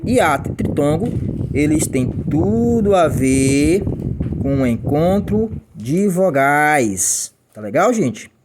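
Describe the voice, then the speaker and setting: Amid background noise, a Brazilian man with a voice on the high side teaches a grammar lesson in a chatty manner. He checks in with the class and responds to questions he imagines students asking.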